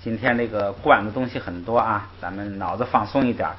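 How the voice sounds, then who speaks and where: A man with a fairly low voice and a fairly quick delivery teaches a language class, patiently explaining the rules and lively in manner. He often interjects "ai" and models syllables for students to repeat in call-and-repeat drills, heard on a muffled lo-fi recording with a little hiss or hum.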